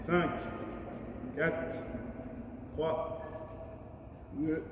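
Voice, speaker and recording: A man's voice: fairly high pitch, level tone, extremely slow. A man working as a fitness coach, leading a workout with countdowns and short, urging gym-coach commands. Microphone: distant from the speaker. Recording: very echoey hall, distant mic, faint noise.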